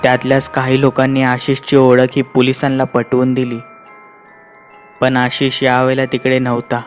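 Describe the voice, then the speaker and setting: Brief: male horror narrator, mid-pitched, dramatic and measured, faint chime music under him. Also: completely flat delivery. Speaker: horror storyteller. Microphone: lavalier mic.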